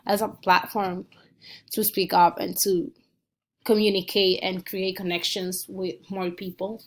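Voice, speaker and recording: A young woman from the Dominican Republic, a student in her 20s, narrates a casual screencast walking through her personal website. Her voice sits at medium pitch, and she sounds casual and earnest, with lots of ums and small restarts.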